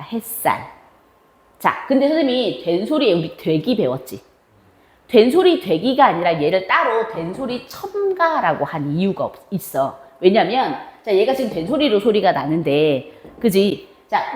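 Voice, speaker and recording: A woman's voice: mid-range voice, roomy sound. A woman teaching Korean grammar as a lecture, chatty, asking questions and answering them herself. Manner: asks and answers her own questions in a chatty, drawn-out teaching tone. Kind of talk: classroom lecture.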